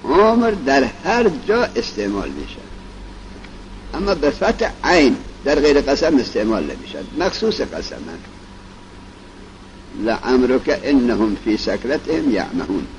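A man teaching Arabic grammar in a colloquial classroom lecture, explaining in plain speech and reciting example sentences slowly. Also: mid-range voice, huge pitch swings. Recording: dull lo-fi recording with faint vehicle noise.

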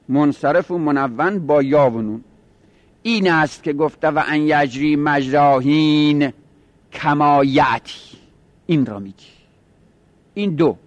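A man with a fairly high voice teaches a grammar lesson. He explains step by step and repeats each example word slowly and carefully. The recording is close and dry. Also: dry recording, lo-fi sound.

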